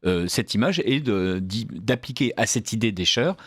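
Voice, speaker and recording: A male radio host with a fairly low voice asks long, wandering questions, dotted with fillers. The studio sound is dry and close. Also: animated, normal speed, husky, no echo.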